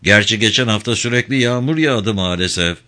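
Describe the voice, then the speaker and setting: A man reading aloud voices a gruff, sardonic male police detective with a dry, grumbling manner. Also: lowish voice, fairly quick, pushed and bright.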